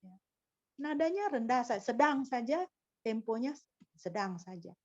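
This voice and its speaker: A woman pastor preaching in a fairly high voice, teaching point by point and tossing rhetorical questions to her listeners. The recording is dry and somewhat dull, like a lo-fi capture. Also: animated, unhurried, darkish tone, no room sound. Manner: didactic, with frequent rhetorical questions. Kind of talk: sermon.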